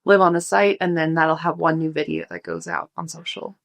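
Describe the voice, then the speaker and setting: She has a deep, creaky voice and talks briskly. The young food blogger chats casually through an interview, a little out of breath, sounding relaxed and reflective and leaning heavily on fillers.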